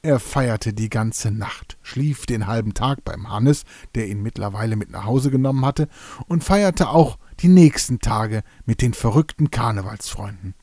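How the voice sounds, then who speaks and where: A man narrating a children's storybook tale in an animated, playful way. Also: medium pitch, measured pace, no room sound, clean studio sound.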